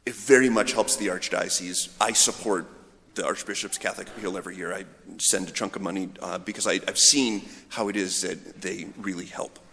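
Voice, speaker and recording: Speaking in a big, reverberant church, a priest tells stories in a casual, conversational homily, acting out imagined exchanges. His voice sits low and is bright and forceful, steady in tone, fairly quick, with vocal fry. Slight background noise and long hall reverb surround him.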